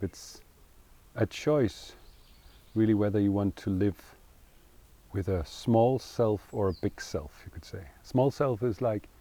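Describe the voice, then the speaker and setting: A middle-aged man, speaking in English, talking earnestly and thoughtfully in an interview and pausing to find his words. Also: lowish voice, dark tone. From Denmark. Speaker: co-founder interviewee. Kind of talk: reflective interview talk.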